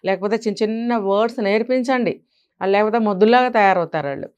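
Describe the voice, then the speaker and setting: In an interview, a woman with a Telugu accent offers parenting advice, pressing her points with rhetorical questions. Her smooth, resonant voice sits mid-range and is a little mellow, and she speaks quickly. The audio sounds dull.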